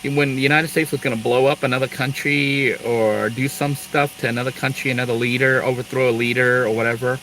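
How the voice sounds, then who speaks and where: A man's voice: mid-range voice, steady tone, fairly quick, hardly any pauses, fairly bright tone, a little hiss or hum, poor audio. A middle-aged man from Thailand chatting casually on a live stream, rambling through asides and laughing now and then. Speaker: live-stream host, Air Force veteran.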